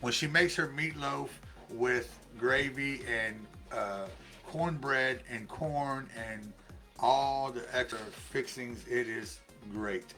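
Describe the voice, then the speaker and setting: A man's voice: medium pitch, takes it slowly, bright, forceful tone, soft background music. A man co-hosting a casual live stream, rambling in a friendly way with many fillers and restarts. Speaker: co-host and life coach.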